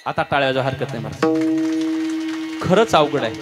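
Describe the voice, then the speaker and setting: A man's voice: medium pitch, lively intonation, moderate pace. Impassioned male preacher with music behind. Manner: impassioned, dramatic storytelling. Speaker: kirtan preacher. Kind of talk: devotional sermon with storytelling. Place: live religious gathering.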